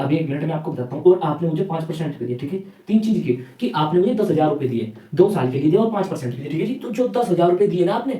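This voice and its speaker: A male teacher walks through a math lesson at a brisk clip, firing questions at students and answering them himself. His voice sits a little high but sounds dark and mellow. It is recorded from some distance in an echoey room. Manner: rhetorical questions answered himself, repeats "ठीक है".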